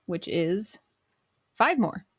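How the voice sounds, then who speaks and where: A woman's voice: medium pitch, big pitch swings, extremely slow, a bit bright, breathy edge, no echo, studio quality. A woman chatting casually as a player in a tabletop role-playing game.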